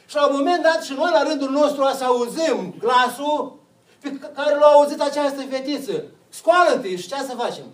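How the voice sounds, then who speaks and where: A man's voice: very high-pitched, echoey room, recorded from a distance, poor audio. A man preaching a sermon, putting questions to the congregation and answering them himself.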